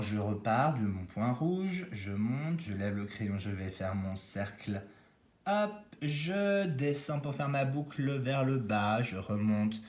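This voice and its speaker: A man guides small children through cursive letters one stroke at a time, calm and encouraging. His voice sits at an ordinary pitch and carries a roomy echo from the space around him. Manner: slow, step-by-step guiding, encouraging. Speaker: kindergarten teacher. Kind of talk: remote handwriting lesson for young children.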